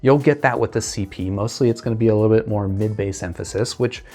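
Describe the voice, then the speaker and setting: A man with a lowish voice talks through a product review in a loose, conversational way. He trails off, restarts and corrects himself often, leaning on fillers. Faint music sits in the background. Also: fast, a little mellow. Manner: rambling, self-correcting, lots of fillers. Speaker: earphone reviewer. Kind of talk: casual spoken product review.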